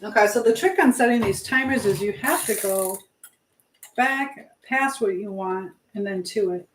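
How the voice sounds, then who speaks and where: Busy indoors in her kitchen, a live-stream host chats casually, talking to herself and viewers and reading out comments. Her voice is mid-range at a moderate pace, and the echoey room has distinct background noise.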